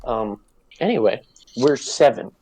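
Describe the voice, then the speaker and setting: A man's voice: medium pitch, animated, a little slow, dark tone, slightly rough, poor audio. A young man from Puerto Rico chatting on a podcast, telling a story loosely with swearing and laughs. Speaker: podcast co-host. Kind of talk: casual chat.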